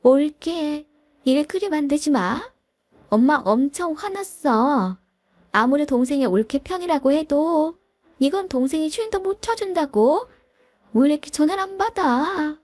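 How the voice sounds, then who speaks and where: Woman doing a pushy sister-in-law, shrill and high, threatening to show up. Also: lively intonation, unhurried, a little mellow, no echo. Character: pushy sister-in-law siding with her mother.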